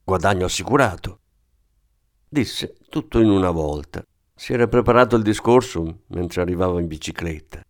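A man with a low-set voice narrates a novel aloud. His reading is measured and even, in a steady storytelling manner. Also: no echo, studio quality. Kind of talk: scripted audiobook narration.

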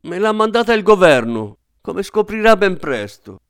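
A man doing a shrill indignant boy-general. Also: big pitch swings, moderate pace, smooth, dry recording, clean studio sound. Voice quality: shrill falsetto. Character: pompous aged general in a boy's body, indignant.

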